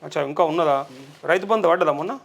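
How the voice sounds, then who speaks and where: A man's voice: on the high side, quick pace, creaky, muffled recording. A male journalist, interviewing people on the spot, coaxing them and repeating their answers back.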